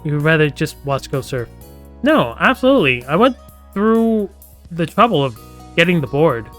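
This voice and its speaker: Streaming a game live, a man reads its story text aloud, then wanders off into chatty, joking asides. His voice is a little high and animated at a moderate pace, with music playing behind it.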